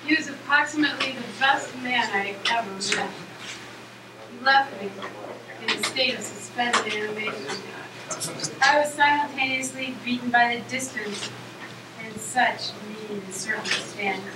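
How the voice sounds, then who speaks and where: A woman playing a melancholy poet-heroine, declaiming theatrical monologues with deliberate phrasing. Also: a little high, natural voice. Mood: mournful, reflective. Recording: echoey, noisy, distant room recording.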